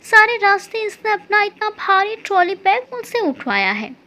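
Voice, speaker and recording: A woman's voice: extremely high pitch, sing-song, normal speed, pushed and bright, exaggerated voice. A woman voicing a playful young man who teases and jokes with an older aunt. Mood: teasing. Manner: playful, apologetic teasing. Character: young adult man, joking and teasing. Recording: dull lo-fi recording.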